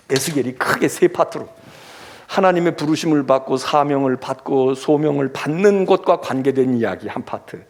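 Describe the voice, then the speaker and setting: A male pastor giving an animated sermon that he teaches through rhetorical questions. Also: medium pitch, creaky. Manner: animated, acts out scolding and comforting voices; asks the congregation rhetorical questions.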